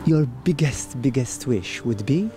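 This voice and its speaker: A Maltese man in his thirties hosts a TV segment outdoors in a garden, speaking into a handheld microphone. He coaches and repeats himself, then turns sentimental. Soft music plays behind him. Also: mid-range voice, lively intonation, measured pace. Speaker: TV host.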